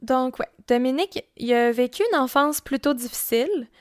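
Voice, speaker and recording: A Québécois woman with a high, bright-pitched voice narrates a true-crime case for her podcast. She talks casually, with small fillers and asides. The sound is close and dry, with no room around her. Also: moderate pace, no room sound. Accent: Québécois French. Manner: casual, chatty storytelling with frequent fillers. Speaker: podcast host and storyteller.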